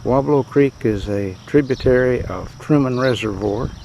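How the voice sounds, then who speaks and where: A man narrating a fishing trip outdoors by a rural creek in a plain, matter-of-fact, unhurried way, speaking into a handheld camera. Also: mid-range voice, warm tone, a little hiss or hum. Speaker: fishing vlogger. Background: insects and countryside ambience.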